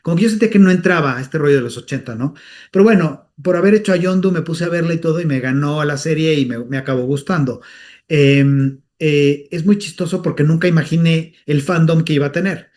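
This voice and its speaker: A man chats as a guest in a relaxed interview. He tells stories with lively energy and now and then dips into character voices. His voice sits a touch higher than most men's. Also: fairly quick. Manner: animated storyteller who slips into character voices. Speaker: comedian and voice actor, guest. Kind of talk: casual interview chat.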